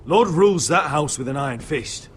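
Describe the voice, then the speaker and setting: Guy acting young noble fighter in a fantasy game, intense n earnest, very expressive pitch. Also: normal speed, a little hiss or hum, lightly acted. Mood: fierce resolve. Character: defiant young nobleman warrior, grieving yet resolute. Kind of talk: dramatic video game acting.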